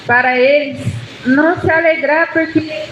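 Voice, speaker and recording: A woman's voice: high-pitched, steady tone, measured pace, fairly bright tone, a little hiss or hum. A woman with a Brazilian Portuguese accent preaching and praying before a congregation, in an earnest manner that speaks straight to the church. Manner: earnest, addresses the congregation directly. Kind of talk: sermon and prayer. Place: church hall. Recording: echoey, dull church PA recording.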